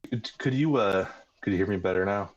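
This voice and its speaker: A man calling in to a live stream on speakerphone, talking in a casual, halting way. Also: lowish voice, crowd noise. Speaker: caller. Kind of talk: casual chat. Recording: muffled speakerphone line with noise.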